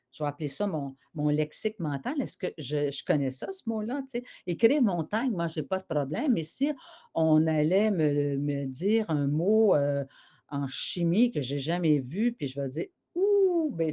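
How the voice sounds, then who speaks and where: A woman with a Quebec French accent explains a method to parents in a casual, example-filled way. Her voice sits low and mellow. The recording sounds dull and lo-fi. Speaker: remedial teacher. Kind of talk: parent information session.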